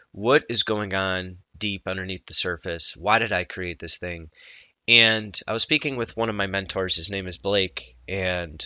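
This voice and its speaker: A man speaking as a coach in a personal vlog, earnest and reflective, often halting mid-thought. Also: on the low side, pushed and bright, no echo.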